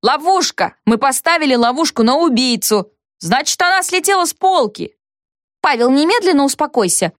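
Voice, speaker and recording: A woman voicing an excitable man who is giddy about a prank trap. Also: sits high, normal speed, no echo, clean studio sound, voice pushed up. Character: excitable man laughing at his own trap.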